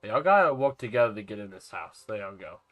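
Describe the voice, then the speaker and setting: A young man with a lowish, sing-song voice chats quickly and casually on a live game stream, sounding stuffy and nasal like he's about to sneeze. He rambles to viewers and talks to the creatures in his game. The phone-quality audio carries soft background music.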